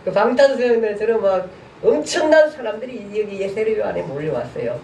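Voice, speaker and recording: A man's voice: high voice, big pitch swings, fairly quick, vocal fry, darkish tone. A male pastor leads a Bible lesson in an easy, talky manner and keeps turning questions back to the class. His voice rings through an echoey church room and reaches the mic from a distance, with faint ambient noise behind it. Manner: colloquial, asks the class questions. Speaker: pastor teaching a Bible course. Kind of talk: casual Bible class lecture.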